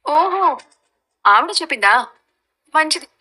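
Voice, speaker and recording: An actress playing a proud young daughter-in-law who answers back quickly and defiantly in a TV serial. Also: female voice, high voice, big pitch swings, pushed and bright, exaggerated voice. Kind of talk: TV serial acting.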